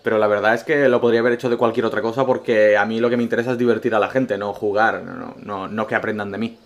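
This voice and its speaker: Joking young Spanish gaming vlogger. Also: male voice, on the low side, steady tone, fast. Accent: Spanish from Spain. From Castellón, Spain. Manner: joking, absurd humor, swings between loud bursts and mumbled asides. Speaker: gaming YouTuber. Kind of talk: casual Q&A vlog, reading viewer questions.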